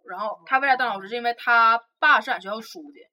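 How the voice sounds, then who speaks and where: Podcast co-host: young Northeastern Chinese woman, high voice, lively storyteller. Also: fast talker. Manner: animated gossiping, acts out voices. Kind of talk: casual storytelling chat.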